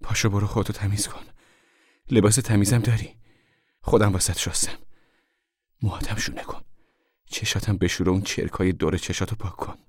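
A man voicing a brisk, firm mother of a poor family who gives stern orders in an audiobook reading. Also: fairly low pitch, steady tone, a little mellow, breathy edge, dry recording, studio quality. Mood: firm, bossy. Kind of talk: audiobook character voice.

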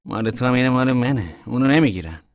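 A man voicing an eager young farm worker, speaking in a lively, raised voice. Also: mid-range voice, voice pushed up, close to an everyday voice.

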